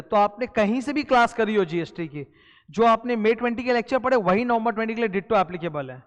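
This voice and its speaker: A man with an Indian accent and a notably high voice, teaching exam candidates in a casual lecture. He talks to students directly, mixing in English terms and repeating key points. His voice rings with a long reverb in the room. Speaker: exam tutor. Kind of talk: recorded lecture explaining a syllabus.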